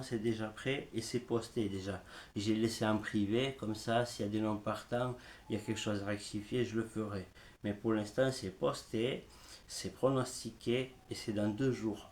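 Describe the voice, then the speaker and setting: Slow, halting man giving racing tips. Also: mid-range voice, a little mellow. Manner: slow, halting, repeats "voilà" often. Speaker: horse racing tipster. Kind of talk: casual live betting tips. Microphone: smartphone.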